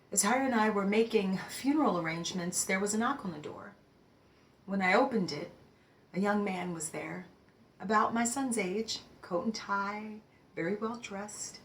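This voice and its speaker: A devout older mother tells her story very slowly and reflectively, played by a woman in a stage read-through. Her voice sits at a mid pitch and sometimes sinks into a soft whisper. It is a measured, heartfelt dramatic monologue. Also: a little hiss or hum, natural voice. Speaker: actor reading a monologue.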